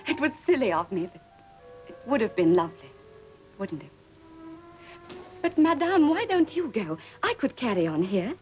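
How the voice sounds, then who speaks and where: An eager young dress designer. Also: female voice, fairly high pitch, sing-song, moderate pace, long pauses, darkish tone. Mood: earnest, caring. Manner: eager, earnest and deferential. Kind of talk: 1950s film acting. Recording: old film soundtrack with music.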